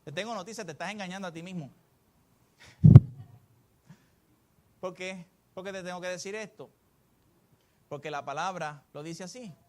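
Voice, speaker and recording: A man's voice: high voice, unhurried, pauses often. A male pastor with a Puerto Rican accent, preaching a sermon and telling stories animatedly to his congregation. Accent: Puerto Rican Spanish. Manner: animated storytelling, addressing the congregation.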